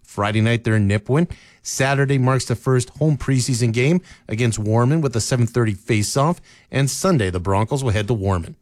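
A man reading a local radio newscast as the anchor, in a steady, measured delivery. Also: mid-range voice, dry recording, clean studio sound. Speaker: news anchor. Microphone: close studio mic, dry.

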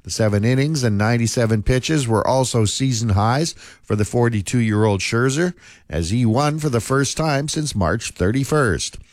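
A man reads local news and sports in a steady, measured way. His voice sits at an ordinary pitch. The recording is dry and close, with no room sound. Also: no room sound. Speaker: news anchor. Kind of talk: scripted news reading.

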